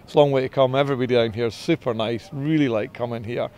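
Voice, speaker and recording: A middle-aged man, a racing driver, answering interview questions outdoors in a paddock in a relaxed, modest way. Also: medium pitch, fast, clear, resonant tone, muffled recording. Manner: relaxed and modest, with filler ums. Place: outdoors in a race paddock beside a team truck. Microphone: interviewer's handheld mic.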